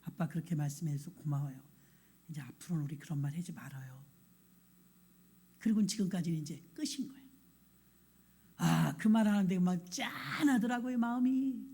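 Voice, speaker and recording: A woman pastor preaching a storytelling sermon, swinging between hushed passages and emphatic bursts. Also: on the high side, slightly rough.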